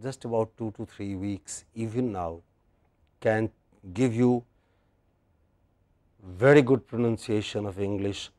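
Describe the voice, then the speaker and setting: A man giving a classroom lecture on English word stress. He speaks slowly and patiently, repeats phrases and checks that his students follow. The sound is dry and close. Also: lowish voice, warm tone, no room sound. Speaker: English pronunciation teacher.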